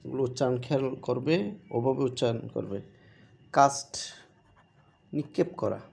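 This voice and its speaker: Slow, mellow-voiced man teaching. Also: medium pitch, gravelly. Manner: slow, drills pronunciation by repeating verb forms. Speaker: English teacher. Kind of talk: online grammar lesson.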